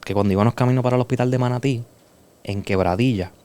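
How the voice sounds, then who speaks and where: A Puerto Rican man giving an earnest, emotional personal testimony as a guest in a conversation, dropping soft and slow at heavy moments. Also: mid-range voice, smooth. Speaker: podcast guest.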